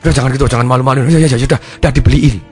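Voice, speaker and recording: A man playing a tired father hushing and giving in to a crying child. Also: medium pitch, fairly even intonation, very fast, natural voice. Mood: exasperated. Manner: pleading, dismissive. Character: weary exasperated father hushing his child.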